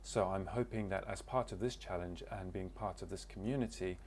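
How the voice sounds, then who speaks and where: A language learner from Cornwall, England, introduces himself on camera in a casual, hesitant manner, frequently pausing to find words. His voice is low and darkish, a little fast, with slight background noise.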